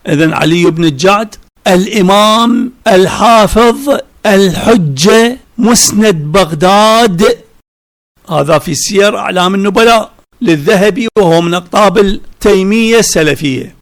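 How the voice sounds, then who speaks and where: A man giving a polemical religious lecture, slowly and emphatically repeating honorific titles, with a combative, scornful edge. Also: high voice, no room sound. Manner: slow emphatic repetition of titles.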